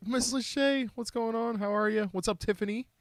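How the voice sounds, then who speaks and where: A man's voice: extremely high pitch, fairly even intonation, brisk, no room sound. Easygoing man on a dry mic. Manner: easygoing, agreeable, reads out listener comments. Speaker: podcast co-host. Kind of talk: casual chat.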